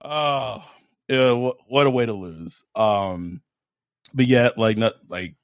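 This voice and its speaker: A man's voice: medium pitch, slow, clean tone, no room sound, clean studio sound. A man hosting a sports podcast in casual, slangy fan banter, swearing freely and repeating phrases for emphasis.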